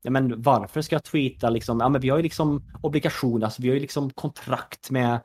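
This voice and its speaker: A man's voice: mid-range voice, fairly even intonation, a little mellow, slightly rough. A man from Sweden in his thirties, a former pro gamer turned esports executive, talking in a casual podcast conversation with lots of fillers and "you know" asides.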